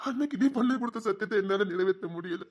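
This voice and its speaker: A man's voice: high-pitched, fast, lo-fi sound. A man playing a sobbing, grieving retired soldier. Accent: Tirunelveli Tamil. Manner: sobbing, pleading apologies. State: crying. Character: grieving retired soldier mourning a dead friend. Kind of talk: web series drama acting.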